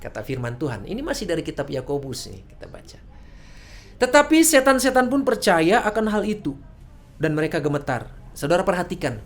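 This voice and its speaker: A woman preaching a sermon in a church service, casual and conversational, often asking rhetorical questions. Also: fairly low pitch.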